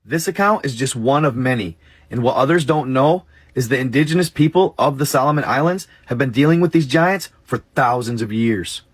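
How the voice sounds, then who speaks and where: A man's voice: mid-range voice, expressive, a little fast, breathy edge, dry recording. A man narrating eerie legends and strange encounters in a dramatic, suspenseful storytelling manner. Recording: faint music behind.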